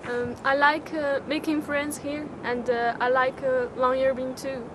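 Halting young woman from China. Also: sits high, level tone, noisy background. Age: young adult. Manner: halting, many pauses and fillers. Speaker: student. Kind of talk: self-introduction to camera. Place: outdoors on a rooftop in windy Arctic town.

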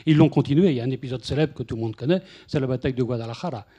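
A man's voice: mid-range voice, very fast, dark tone, slightly rough, muffled recording. A man in his fifties moderating a public talk in a lecture room, holding a handheld mic and explaining at length with a few stutter-starts.

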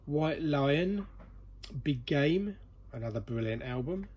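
Fairly high-pitched, animated, and husky, with a slightly mellow quality, this man speaks slowly as he hosts a jokey vlog. He chats casually while sorting through a collection in an indoor storeroom stacked with boxes.

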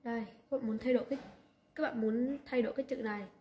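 A woman giving an unhurried step-by-step software tutorial, often pointing things out with short "here, there" remarks. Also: on the high side, steady tone. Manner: unhurried step-by-step instructions with frequent "đây, đấy". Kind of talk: screen-recorded software tutorial. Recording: echoey room, faint background noise.

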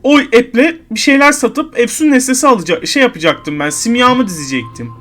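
A man's voice: very high-pitched, expressive, brisk, fairly bright tone, soft background music. A man giving gameplay commentary at his computer, counting numbers under his breath and grumbling in frustration at an item. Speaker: online game streamer.

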